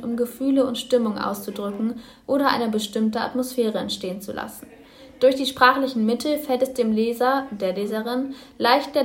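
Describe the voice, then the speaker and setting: A woman giving a measured reading of a scripted school lesson. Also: fairly high pitch. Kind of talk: scripted educational narration.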